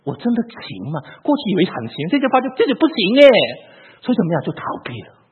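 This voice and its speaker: An older man from Hong Kong, a professor, giving an animated personal faith testimony and posing rhetorical questions as he tells his story. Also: extremely high pitch, rapid-fire, husky. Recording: tinny phone-like lo-fi sound.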